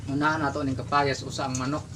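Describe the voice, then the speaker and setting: A man's voice: mid-range voice, level tone, quick pace. A man with a Visayan Filipino accent chatting casually, heard from a distance. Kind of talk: casual off-camera chat. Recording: distant mic, clear background noise.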